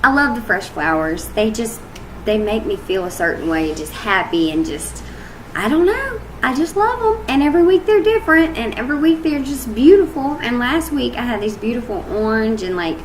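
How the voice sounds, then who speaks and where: A woman's voice: a little high, expressive, normal speed, background noise. A woman chatting casually in a couple's vlog, rambling and laughing often. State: hiccups. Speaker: vlog co-host.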